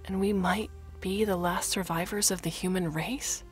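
A woman voicing a curious, wary young girl in an audiobook, asking anxious questions in a breathy half-whisper. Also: fairly low pitch, steady tone, normal speed, faint music behind, close to an everyday voice. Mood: upset.

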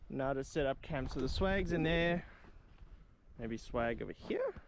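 A young man chats in an easygoing, upbeat way while setting up camp, his voice sitting at an ordinary middle pitch. He is recorded on an action camera out in the bush, with clear outdoor noise around him. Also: expressive, unhurried. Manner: easygoing, upbeat, lots of "cool". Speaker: travel vlogger. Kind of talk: casual running commentary. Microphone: action camera on bike or helmet.

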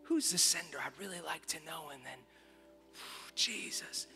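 A man telling a story as a sermon, moving from soft, reflective speech to fervent exclamations. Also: fairly high pitch, animated, unhurried. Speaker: worship leader. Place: large church auditorium. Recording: reverberant church hall with music.

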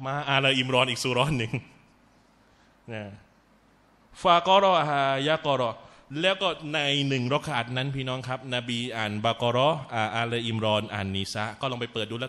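A male Islamic lecturer giving a religious talk, retelling stories in a lively way, mixing in Arabic phrases and calling his listeners brothers and sisters. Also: mid-range voice.

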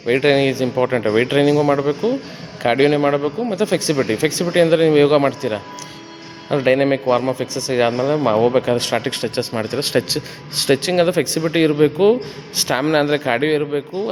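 A male fitness trainer, coaching a woman through a workout with firm, repeated commands and tips. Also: medium pitch. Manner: firm, repetitive gym commands mixed with explanation. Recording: roomy reverb with music behind.

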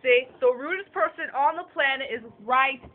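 Female vlogger, high voice, bored rambling chat, tinny phone-like sound. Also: normal speed. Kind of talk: casual chat to camera. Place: at home, lying down. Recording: tinny lo-fi audio with faint hiss.

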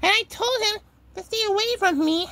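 A woman plays a young woman full of remorse over her lost brother. She speaks in an earnest, pleading tone. Her voice sits very high, bright and sharp in this fan-made puppet show. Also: moderate pace, exaggerated voice. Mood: remorseful.

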